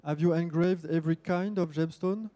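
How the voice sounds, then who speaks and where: A man's voice: fairly high pitch, steady tone, normal speed, dark tone, no echo. A man with a French accent moderating a live talk, polite and often repeating words as he goes.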